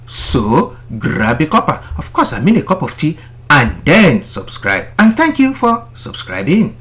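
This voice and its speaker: A man's voice: fairly high pitch, huge pitch swings, unhurried, a bit bright. A man narrating a finance explainer video, stressing and repeating his key points for emphasis.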